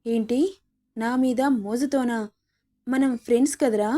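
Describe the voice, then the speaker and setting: A woman's voice: on the high side, fairly even intonation, measured pace, warm tone, natural voice. A woman voicing a young kidnapped woman who demands answers, confused and defiant. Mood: demanding.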